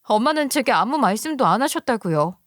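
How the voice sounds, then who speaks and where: A woman's voice: fairly high pitch, big pitch swings, fairly quick, no echo. A woman voicing a grieving young married daughter who protests against her in-laws, shocked and emphatic, in a story radio drama. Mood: indignant.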